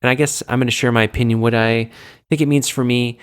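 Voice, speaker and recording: A man's voice: mid-range voice, steady tone, quick pace, smooth. Man, gaming chat host, sick with a cold, rambling, self-mocking, casual. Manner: rambling, self-mocking, loses his train of thought.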